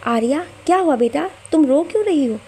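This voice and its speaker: A woman's voice: sits high, lively intonation, brisk, mellow, slight background noise, pitched above the performer's own voice. A woman voicing a stern older mother-in-law who gives commands to the household. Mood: concerned.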